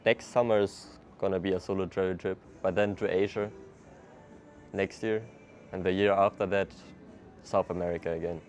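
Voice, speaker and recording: Outdoors in a city, a young German-accented traveler answers a casual street interview in English. He is relaxed and easygoing, laughs often and uses loose, non-native phrasing. His voice sits low at a moderate pace, with faint music in the background.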